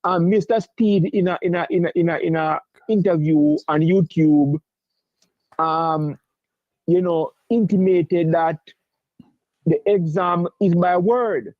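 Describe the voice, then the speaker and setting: A high-pitched male caller from Jamaica who stumbles through his sentences with constant restarts and filler words, yet keeps pressing the same point over and over. The line comes through dull and lo-fi, with a dry, close sound. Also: fairly even intonation, no echo. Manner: halting, many stammered restarts and fillers; insistent, repeats himself. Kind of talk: call-in sports debate.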